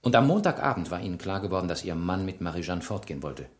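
This man speaks quickly from a low register, his pitch swinging widely. In a German radio crime drama he plays a shrewd, relentless French police inspector, interrogating in a probing, ironic, insistent way with a methodical edge.

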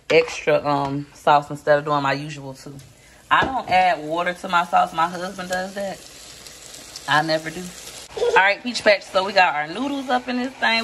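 In her home kitchen, a cooking vlogger stirs a pot while chatting folksily to her viewers as Peach Patch in a casual video. She has a lowish, fairly bright voice, and there's a little hiss or hum on the audio.

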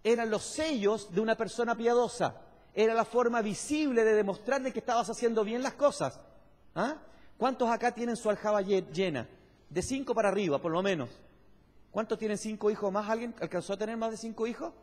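High-pitched and fairly quick, with a darkish tone, this man preaches in a large church hall from a stage pulpit. His manner is that of an emphatic teacher who explains and questions the congregation, and the recording rings with long, echoey reverb.

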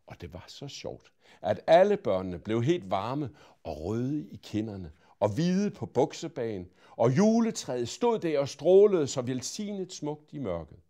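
A man tells a Christmas story aloud in an expressive, storybook style. His voice sits in an ordinary middle pitch and swings widely with lively rises and falls.

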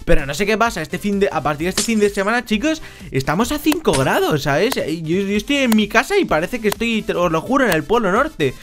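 Casting: joking Spanish man from Spain, high voice, gaming commentary into a headset, faint music under it. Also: sing-song, brisk. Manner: chatty, joking, bursts into shouts. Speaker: Minecraft gameplay YouTuber. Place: at home.

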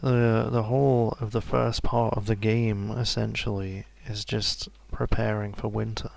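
A man talks through a game slowly and unhurriedly, his voice gravelly with a bit of fry at the ends of phrases. The sound is dry and close, as if from a desk mic. He muses to himself in a relaxed, casual way. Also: lowish voice, dry recording. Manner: relaxed, musing to himself, laughs softly. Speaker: let's play gamer. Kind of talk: casual gameplay commentary.

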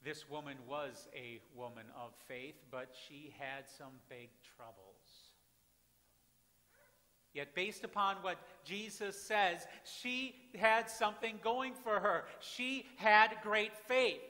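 A pastor, preaching a dramatic sermon that swings from hushed to loud, recorded from the back of a church. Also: male voice, high voice, takes it slowly. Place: church sanctuary with congregation. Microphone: far camera at back of church. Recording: reverberant church from far off.

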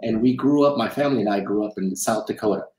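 A middle-aged man from Romania speaks over a webcam from a home office, his voice sitting low. The room is echoey around him. He rambles and circles back on his words while he thinks. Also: fast, a little mellow, a little hiss or hum. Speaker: guest, film financier. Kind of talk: casual interview. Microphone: video call webcam.

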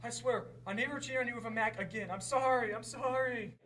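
A man's voice: very high-pitched, fairly even intonation, fairly quick, a bit bright, far from the mic. A young man playing a frantic, melodramatic student in an amateur comedy film. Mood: frantic pleading. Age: young adult. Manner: melodramatic, exclaiming. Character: frantic, whiny student battling a treacherous computer. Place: school rooms and hallways, indoors. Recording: echoey, noisy room, off-camera mic.

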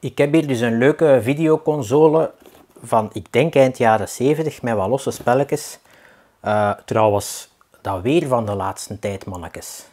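Deadpan Flemish man rambling comically. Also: medium pitch, a little slow. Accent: Flemish Brabant. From Pajottenland, Flemish Brabant, Belgium. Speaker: comedy vlog host. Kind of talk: comic monologue.

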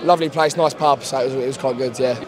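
A man's voice: medium pitch, steady tone, quick pace, music in the background, crowd noise. A young man, a travelling football fan, answering interview questions outside a stadium in an earnest, rambling way. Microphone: handheld mic held by interviewer.

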